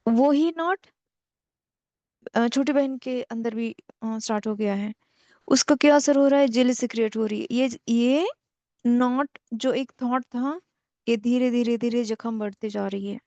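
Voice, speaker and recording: A woman spiritual teacher telling a story slowly and repetitively, with many pauses. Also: on the high side, mellow, no room sound, muffled recording.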